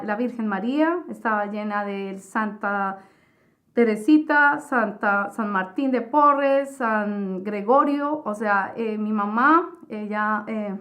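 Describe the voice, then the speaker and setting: A woman giving a personal religious testimony, retelling her story in an earnest, halting way. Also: on the high side, a bit bright. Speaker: testimony giver.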